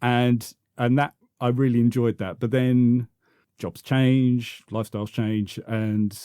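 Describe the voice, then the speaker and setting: A man's voice: medium pitch, flat delivery, slow pace, mellow, clear, resonant tone, no room sound, studio quality. A man, reminiscing as a podcast guest, full of restarts and repeated words. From South London, England. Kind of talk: reminiscing conversational interview.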